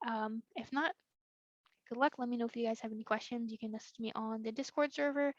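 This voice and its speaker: A woman's voice: fairly high pitch, fairly even intonation, fairly quick, no echo. A young woman explaining a lesson in a casual, hesitant way, full of likes and ums and hedges. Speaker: student tutor. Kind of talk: casual recorded study lesson. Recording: dry, dull lo-fi sound.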